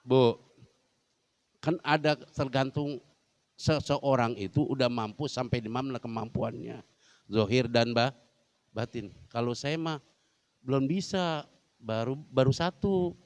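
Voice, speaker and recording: A man's voice: mid-range voice, a little slow, long pauses, dry recording. Guy preaching at a mosque, cracking jokes, keeps asking the ladies stuff, dry close sound. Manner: joking, keeps quizzing the women listeners. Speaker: religious teacher. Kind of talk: humorous Islamic study lesson. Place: large mosque.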